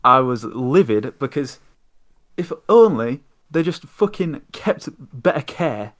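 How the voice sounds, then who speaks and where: A man's voice: medium pitch, very animated, slow. A young man hosting a podcast, telling an exasperated, sweary story in casual chat. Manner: sweary, exasperated ranting anecdote. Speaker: podcast host.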